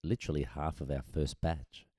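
A man with an Australian accent and a very deep, mellow voice. He chats as an enthusiastic podcast guest, telling casual stories in a dry-sounding space. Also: steady tone, moderate pace, no echo. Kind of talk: casual chat, anecdotes. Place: at a kitchen table indoors.

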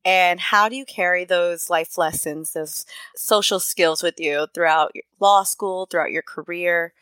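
A woman hosting a podcast, asking interview questions in a calm, conversational way. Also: on the low side, measured pace, clear, resonant tone, dry recording. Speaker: podcast host.

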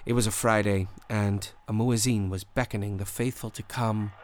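A man with a lowish voice hosts a radio show, telling a first-person story in a measured, expressive way and raising his voice at tense moments. Slight background noise can be heard.

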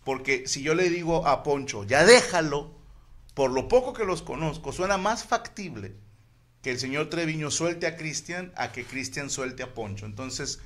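On a casual podcast with plenty of group banter, a Mexican-accented host speaks on the high side at normal speed, sounding expressive. He reads listener shout-outs aloud and throws in crude humor.

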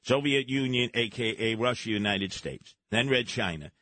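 A man's voice: medium pitch, normal speed, bright, forceful tone, no room sound. A man co-hosting a political talk show, brash and colorful, throwing in jokes as he argues.

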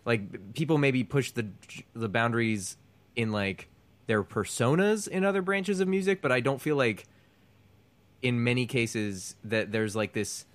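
Halting male podcast co-host. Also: medium pitch, no room sound. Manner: halting, leans heavily on "like". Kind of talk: casual music discussion.

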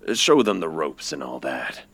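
Deep, deadpan man. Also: moderate pace, gravelly, breathy edge.

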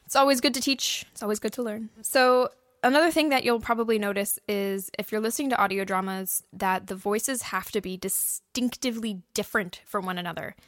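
A woman who hosts a podcast and produces audio dramas gives advice to her co-host in a casual behind-the-scenes chat, speaking emphatically and acting out imagined thoughts and quotes. Her mid-range voice is steady, fairly bright, and a little fast, recorded with studio quality and no room sound.

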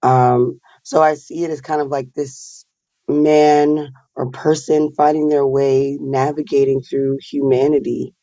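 Raspy morning voice, mellow and dark, thinking out loud, kinda muffled lo-fi line. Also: medium pitch, little pitch movement, a little slow, no room sound. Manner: thoughtful, searching, many fillers. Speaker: performer and guest. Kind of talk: reflective interview answers.

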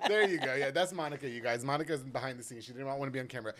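A man hosting a podcast, casual, crude and playful, rattling off sponsor shout-outs. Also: medium pitch, rapid-fire. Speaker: podcast host. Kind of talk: casual chat.

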